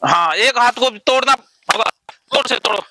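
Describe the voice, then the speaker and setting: A man's voice: extremely high pitch, expressive, normal speed, background noise. A male psychologist leading a client through a therapy exercise, talking in an urgent, commanding way and repeatedly calling out encouragement.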